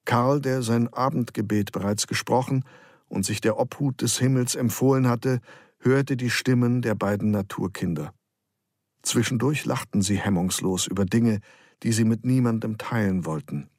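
In clean studio sound with no room ambience, a man with a mid-range voice narrates a novel, delivering the scripted text calmly and at a measured pace.

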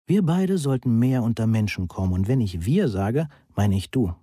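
Ein Mann spricht eine resolute, bestimmende ältere Frau und Großmutter in einem Hörbuch. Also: male voice, medium pitch, very animated, warm tone, breathy edge, no echo, clean studio sound. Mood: bossy brisk. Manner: brisk, bossy. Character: energetic older woman, a grandmother, bossy and brisk.

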